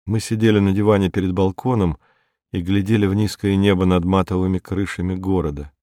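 A man narrating a literary audiobook in a measured, calm way. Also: low voice, no room sound, clean studio sound. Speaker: audiobook reader.

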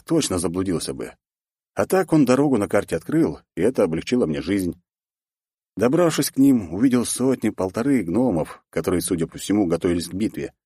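A man reads a first-person fantasy audiobook in a matter-of-fact, wry way. His voice is low and husky. The recording is dry and close. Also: mellow, no room sound. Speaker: audiobook narrator.

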